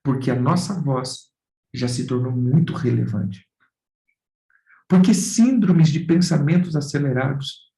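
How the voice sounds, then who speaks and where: A male pastor with a Brazilian accent delivers a sermon in a mellow, gravelly voice. He keeps asking rhetorical questions and calls his listeners brothers and dear ones. The sound carries a roomy echo. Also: mid-range voice, measured pace. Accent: Brazilian Portuguese.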